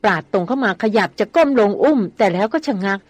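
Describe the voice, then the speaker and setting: A woman reading a novel aloud as an audiobook narrator, in a steady storytelling manner. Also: a little high, quick pace, breathy edge, no echo.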